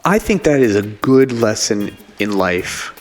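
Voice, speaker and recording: A man's voice: fairly low pitch, sing-song, unhurried, faint music behind. A man co-hosting a comedy podcast, riffing playfully through silly ideas. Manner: playful, riffing with sound effects and funny voices. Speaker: podcast co-host. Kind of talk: casual comedy banter.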